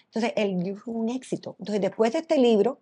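Middle-aged woman rattling off career stories, quick and animated, a bit high. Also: husky. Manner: animated storyteller, fast and emphatic. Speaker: interview guest, celebrity stylist. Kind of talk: casual interview chat.

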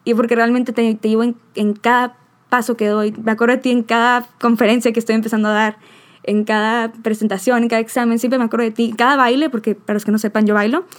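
A woman's voice: a little high, level tone, fast talker. A young woman hosting a podcast, talking heartfelt and rambling. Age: young adult. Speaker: podcast host. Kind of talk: emotional podcast chat.

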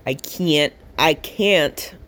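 Against a noisy background, a low-voiced woman rambles into a handheld voice recorder held at her mouth for her audio diary. It's casual and profane, delivered slowly with long pauses.

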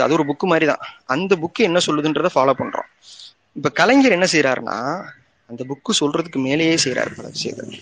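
A man's voice: fairly high pitch, a bit bright, slight background noise. Earnest man explaining at length. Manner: earnest, explanatory, restarts and repeats phrases. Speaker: speaker in an online audio discussion. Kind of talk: casual political talk. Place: online audio room.

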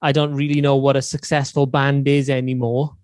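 A man's voice: mid-range voice, level tone, fairly quick, darkish tone, clear, resonant tone, no echo. Podcast guest, male, Swansea Welsh accent, clean tone, close dry sound, matey and informal. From Swansea, Wales. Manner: matey, informal, peppered with "you know". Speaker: podcast guest, band musician and songwriter. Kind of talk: casual interview chat.

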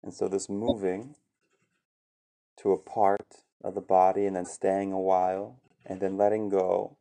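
A man leading a meditation session in a calm, gentle teaching voice with some fillers. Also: sits low, unhurried, creaky. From USA. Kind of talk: calm guided meditation talk.

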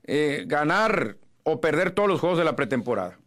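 A man's voice: fairly high pitch, very animated, normal speed, fairly bright tone. A man co-hosting a sports radio show, chatty and agreeable. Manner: agreeable, chatty, many fillers. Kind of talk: casual sports radio chat.

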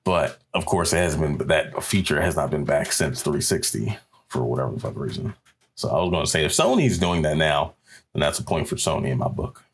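A man's voice: rumbling low, lively intonation, fairly quick, vocal fry, slight background noise. A man in a casual gaming chat who talks bluntly, teases and swears freely.

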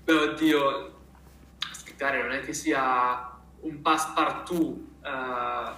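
Uomo espressivo ed enfatico, voce squillante. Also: male voice, medium pitch, slow pace, a little hiss or hum. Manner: emphatic, expressive. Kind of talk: casual conversational interview. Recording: roomy, echoing sound.

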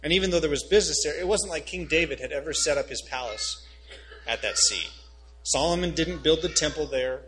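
A man, a pastor reading scripture and preaching a sermon, rising in pitch and volume on key phrases. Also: brisk, fairly bright tone, soft background music, rough recording.

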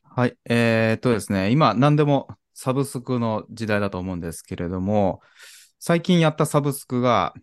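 A man's voice: medium pitch, animated, normal speed, clean tone. A man co-hosting a car podcast, chatting casually but politely. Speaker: podcast co-host, car garage owner.

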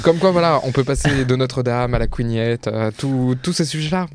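A man's voice: mid-range voice, a little fast, background noise. A man on a casual quiz podcast, chatty and laughing often as he tells a story. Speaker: podcast co-host and player.

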